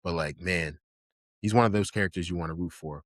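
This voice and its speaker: A man's voice: sits low, a little fast, no room sound. A man co-hosting a casual podcast chat, rambling with lots of fillers and enthusiasm. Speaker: podcast co-host. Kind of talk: casual chat about anime.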